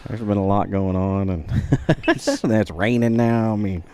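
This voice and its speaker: A man doing enthusiastic, laughing color commentary for a local softball game from an outdoor ballpark. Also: on the low side, fairly even intonation, measured pace, a little hiss or hum. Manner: enthusiastic cheerleading, frequent laughs.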